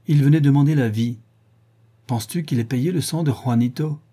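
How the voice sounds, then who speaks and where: Man doing a cold vengeful spanish woman, disdainful, dark husky tone. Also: medium pitch, moderate pace, pitched above the performer's own voice, natural voice. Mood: scornful.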